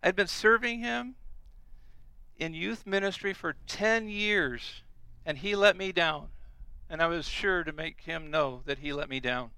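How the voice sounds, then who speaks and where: A middle-aged man delivers a sermon in an earnest, emphatic way, coming back to his key phrases again and again. His voice is bright, smooth and a little higher than most men's. It is recorded close and dry, with no room sound. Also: unhurried, no room sound, poor audio. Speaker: preacher.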